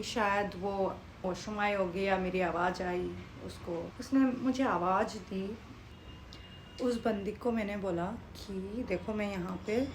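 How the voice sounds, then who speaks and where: A young woman telling a story in a casual vlog, lively and animated, mixing English phrases into her talk. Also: medium pitch. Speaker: vlogger. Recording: echoey room with faint background noise.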